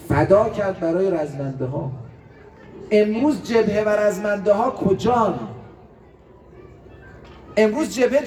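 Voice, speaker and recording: Male cleric giving a fiery sermon, high voice, picked up from far off with faint hiss. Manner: impassioned rhetorical preaching, swinging between loud and quiet. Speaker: cleric preacher. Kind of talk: religious sermon to a gathering. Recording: echoey room, distant mic, faint hiss.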